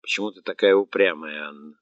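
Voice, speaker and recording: A man voicing a gruff but patient male army sergeant who explains things calmly with a mild tease, in an audiobook. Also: deep voice, fairly quick, no room sound. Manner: calm, explaining, mildly teasing. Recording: dull, muffled audiobook recording.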